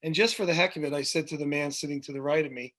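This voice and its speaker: Middle-aged man, guest storyteller, lots of ums and restarts, a little high-pitched. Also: fairly even intonation, very fast, fairly bright tone. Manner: rambling anecdotes with many fillers and restarts. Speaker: guest, music director. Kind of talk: storytelling in a video podcast interview. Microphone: video call.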